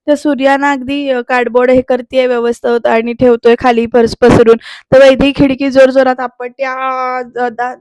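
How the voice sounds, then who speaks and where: A woman gives a voice-over recap of a TV serial episode, speaking straight to her viewers. Her voice sits high and stays fairly level. She reads the characters' dialogue aloud without much change in her tone. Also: a little mellow. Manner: retells scenes, addressing viewers directly; reads characters' dialogue in quotes, mostly plainly.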